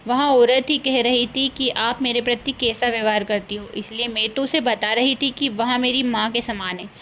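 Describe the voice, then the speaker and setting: Cartoon daughter-in-law, young woman, meek, hardworking, gentle, polite, pleading, voiced by a woman. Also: a little high, steady tone, normal speed, a little hiss or hum, close to an everyday voice. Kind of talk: cartoon voice acting.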